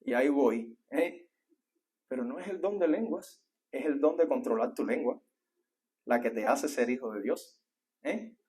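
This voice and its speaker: A man's voice: medium pitch, animated, a little slow, long pauses, darkish tone, slightly rough. A man with a Cuban accent preaching a sermon to his church, asking the congregation question after question and often tagging an "¿eh?". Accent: Cuban Spanish. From Cuba. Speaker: pastor.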